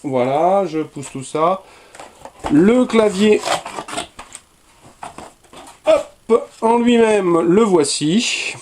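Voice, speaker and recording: A man's voice: sits high, animated, extremely slow, pauses often, a little mellow. A man casually unboxing and reviewing a keyboard, chatty with many fillers and self-corrections. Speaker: product reviewer.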